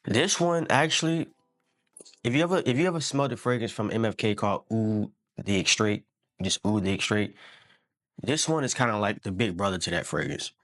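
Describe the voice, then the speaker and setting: A man's voice: lowish voice, animated, fairly quick, a bit bright, faint music behind. A man giving a casual fragrance review in a laid-back, slangy way, often repeating himself and calling the listener "man".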